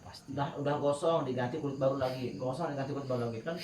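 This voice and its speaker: Very fast and medium-pitched, a man gives students a casual lesson in tajwid, chatting, laughing while telling anecdotes, and often breaking into melodic chanting to demonstrate. Crowd noise is audible, and he's heard from a distance in a roomy space with faint crickets.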